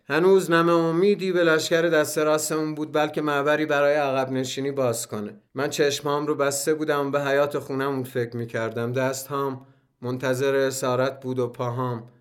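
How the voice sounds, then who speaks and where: A man reading a first-person story aloud as a scripted narration, measured and vivid. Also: mid-range voice.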